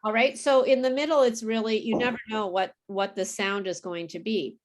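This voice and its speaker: A woman teaching English pronunciation in a live online class, explaining slowly and often checking in with "okay". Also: fairly high pitch, fairly even intonation, a little hiss or hum.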